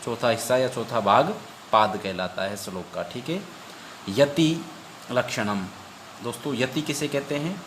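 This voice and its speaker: A man teaching an exam-prep lesson. He recites verses slowly and repeats each point as a question he then answers. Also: medium pitch, fairly bright tone, a little hiss or hum.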